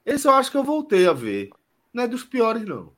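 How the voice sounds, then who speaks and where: A man co-hosting a casual podcast chat, recalling films haltingly with frequent restarts. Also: very high voice, huge pitch swings, a bit bright. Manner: hesitant, restarts while trying to remember. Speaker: podcast co-host.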